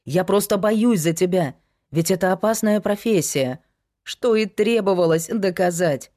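A woman's voice: mid-range voice, a little slow, mellow, natural voice. A woman voicing a young man, an eager fiancé who turns anxious, in an audiobook. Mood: pleading.

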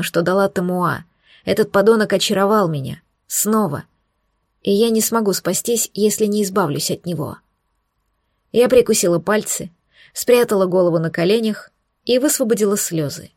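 A woman reading a first-person romance novel aloud, intimate and emotional, with measured phrasing. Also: medium pitch, a little mellow, dry recording, clean studio sound. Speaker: audiobook narrator.

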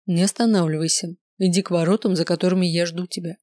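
A woman voicing a calm, commanding male otherworldly creature who speaks slowly in flat, even tones. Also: lowish voice, no room sound, lightly acted.

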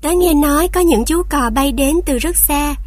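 Chatty little girl, confiding tone, high voice, storybook, read by a woman. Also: normal speed, a little mellow, no echo, clean studio sound, lightly acted. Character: little girl sharing a playground rumor.

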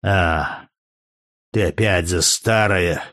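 A man reading aloud and voicing a hulking, furious gladiator in a low, menacing growl. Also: drawn-out words, a bit bright, full character voice.

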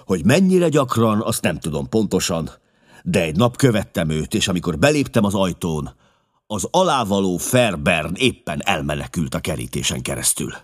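A man narrating an audiobook as a dramatic first-person confession, reading expressively with emotional swells and sudden drops to a hush. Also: deep voice, sing-song, breathy edge.

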